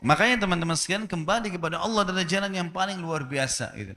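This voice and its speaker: A man's voice: high-pitched, very fast, sharp tone, long reverb tail. A man preaching a sermon, telling stories and putting rhetorical questions to his listeners, whom he calls friends.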